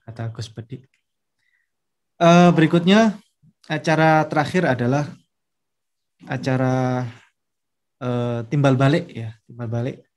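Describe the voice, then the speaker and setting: A man moderating a religious discussion panel, polite and formal. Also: mid-range voice.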